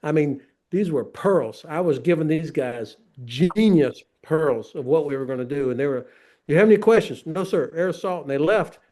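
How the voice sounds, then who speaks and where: A man's voice: on the high side, normal speed, hardly any pauses, warm tone. A man in his sixties, a retired army general, telling a self-mocking story on a video panel. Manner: self-mocking, laughing at himself. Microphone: video call.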